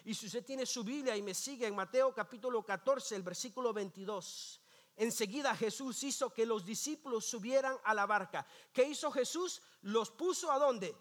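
High-voiced preaching man. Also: normal speed, a bit bright. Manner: call-and-response preaching, repeating phrases. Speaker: pastor. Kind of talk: sermon. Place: church sanctuary.

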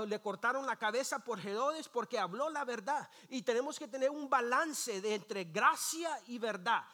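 A man with a strikingly high voice preaches from the pulpit. He leads call-and-response, repeating key phrases and asking the congregation to say them back. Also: sharp tone. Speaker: pastor. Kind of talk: sermon. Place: church sanctuary.

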